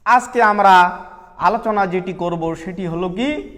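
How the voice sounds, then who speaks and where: High-voiced slow Bangladeshi man teaching. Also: a bit bright, long reverb tail. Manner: asks questions and answers them himself, spells words letter by letter. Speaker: English teacher. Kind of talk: recorded online lesson.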